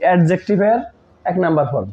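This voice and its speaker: A man explaining grammar to students in a high, very animated voice. He repeats key terms and keeps checking that they understand. The recording sounds dull and lo-fi. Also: quick pace. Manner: asks students to confirm, repeats key words. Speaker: English grammar teacher.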